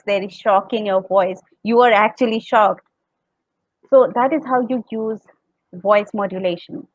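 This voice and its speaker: A woman with an Indian English accent teaches a talk on public speaking, explaining step by step, acting out tones as examples, and laughing often. Her voice is medium-pitched, and the recording is dry and lo-fi.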